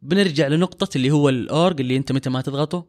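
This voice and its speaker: A man's voice: on the high side, rapid-fire, darkish tone. A man with a Saudi accent, an oud player, talking reflectively in a casual discussion. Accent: Saudi Arabic.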